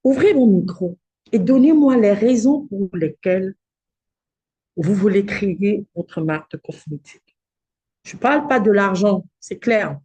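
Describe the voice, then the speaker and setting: A woman's voice: mid-range voice, warm tone, husky, muffled recording. A woman coaching a live online workshop, direct and encouraging, asking her audience rhetorical questions. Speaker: cosmetics business coach hosting a live challenge.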